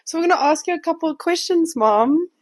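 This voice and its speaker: A woman's voice: extremely high pitch, lively intonation, fast talker. A woman in her twenties hosting a podcast, interviewing her mother in a playful, teasing way. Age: 20s. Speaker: podcast host. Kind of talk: casual chat.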